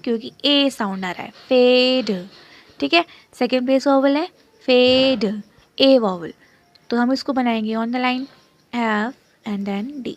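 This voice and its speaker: A woman's voice: sits high, dry recording. A woman teaching a shorthand lesson step by step, patiently repeating terms and checking in with "okay?" as she writes. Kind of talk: step-by-step lesson while writing.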